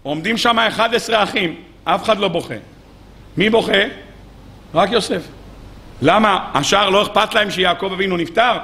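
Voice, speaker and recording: A rabbi preaches a weekly sermon in a high, bright voice. He tells the story animatedly and keeps putting questions to his listeners. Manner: animated storytelling, acting out quoted speakers; rhetorical questions to the audience.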